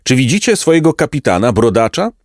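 A man's voice: mid-range voice, sing-song, brisk, no room sound, studio quality, voice pushed up. A man voicing a stern, impatient robber captain who barks orders at his gang. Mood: commanding. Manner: shouting roll-call orders.

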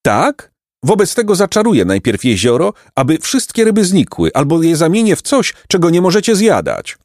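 A man's voice: a little high, huge pitch swings, normal speed, darkish tone, no room sound, studio quality, voice pushed up. A man voicing a clever, bold boy who speaks firmly and matter-of-factly in a storybook reading. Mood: stern. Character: clever bold boy, stern but kind.

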